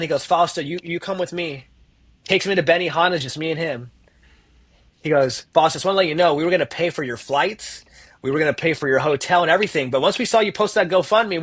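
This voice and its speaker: A man's voice: fairly high pitch, fairly bright tone. A man telling his own story as a podcast guest, acting out the voices of the people in it. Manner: acts out voices in his stories, fillers like "like". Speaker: guest, therapist. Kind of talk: animated storytelling.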